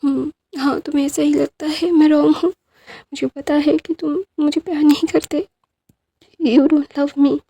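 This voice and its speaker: A clingy, possessive lover pleads and sulks as if deeply wounded, as a woman storyteller puts him on. The voice is dark and gravelly, held in a narrow pitch. It belongs to a told fan-fiction story. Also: flat delivery, unhurried, dry recording. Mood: sulking. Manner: pleading, mock-wounded, mixing in English phrases. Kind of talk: storyteller voicing dialogue.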